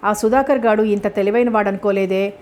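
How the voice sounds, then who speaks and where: A woman's voice: medium pitch, fairly even intonation, brisk, darkish tone, natural voice. A woman voicing a determined grown man who stands up to a kidnapper, in a storybook reading. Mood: earnest.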